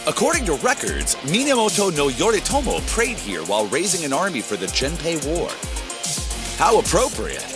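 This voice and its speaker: An actress playing an excitable female motorsport announcer in an overacted anime dub, with a theatrical, dramatic delivery. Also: sits low, normal speed, over music. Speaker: race commentator.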